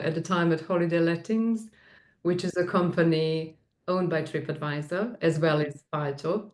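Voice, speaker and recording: A Serbian woman who works as a tech manager appears as a guest in a casual interview, speaking with a Serbian accent, many fillers and restarts, and ready laughter. Her voice is low-pitched and darkish, and the sound is roomy.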